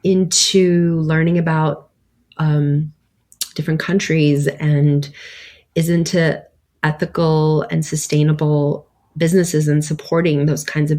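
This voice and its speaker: A woman with a fairly low voice, chatting casually as an interview guest. She rambles, fills her pauses with "you know" and "um", and laughs often as she tells her story. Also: a little mellow. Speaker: guest, clothing brand founder.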